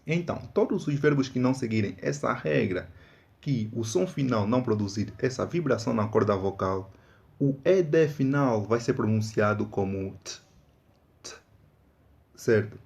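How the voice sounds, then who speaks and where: A man teaching an online English lesson, patiently repeating each word slowly for practice. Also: medium pitch, expressive, gravelly, a little mellow.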